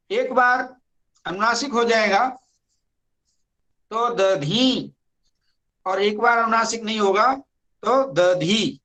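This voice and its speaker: A Sanskrit grammar teacher lectures to an online class. The delivery is very slow and measured, and key words come back again and again as the explanation unfolds. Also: mid-range voice, bright, forceful tone, poor audio.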